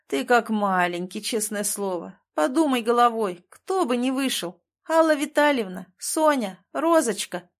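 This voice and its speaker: A woman's voice: fairly high pitch, lively intonation, measured pace, hardly any pauses, pitched above the performer's own voice. A woman reading the lines of a cautious, defensive office worker nearing forty who grumbles and placates. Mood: grumbling.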